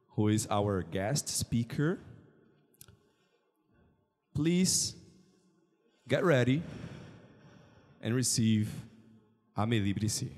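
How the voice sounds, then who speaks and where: A man hosting a school talk event, introducing student speakers with slow, drawn-out encouragement. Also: medium pitch, a little mellow. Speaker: event host. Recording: long hall reverb.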